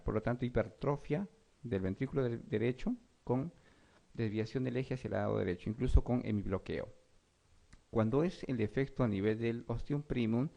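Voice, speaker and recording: A man's voice: mid-range voice, gravelly, dark tone. A man giving an exam review lecture, reading questions and explaining them, often checking in with his students. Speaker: medical lecturer.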